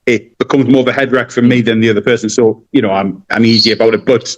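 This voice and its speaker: A man from North-East England, speaking with that region's accent, rambles through casual stories as an interview guest and often repeats his words. His voice sits at a medium pitch with fairly even intonation and a quick pace.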